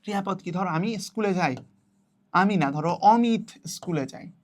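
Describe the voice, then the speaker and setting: A young woman teaching an online class to children, patient and repeating key words slowly. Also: on the low side, a little hiss or hum.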